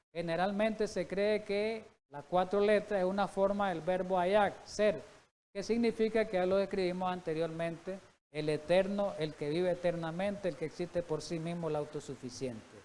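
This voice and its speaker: High-voiced man preaching a Bible study. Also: a little mellow, slight background noise. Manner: reads scripture aloud, then explains it with rhetorical questions.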